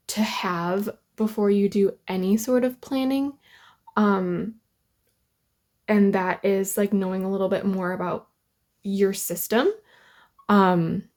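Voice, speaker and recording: A woman's voice: mid-range voice, darkish tone. A woman talking casually to camera about planners, a bit nasal from a head cold, hesitant with many ums. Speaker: planner vlogger. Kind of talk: casual vlog talk.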